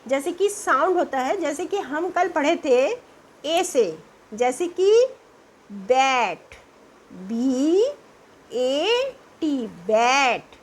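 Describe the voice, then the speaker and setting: A woman's voice: high-pitched, expressive, slow pace. A woman teaching English pronunciation, spelling words out letter by letter and asking the class questions. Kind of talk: slow spelling-out lesson.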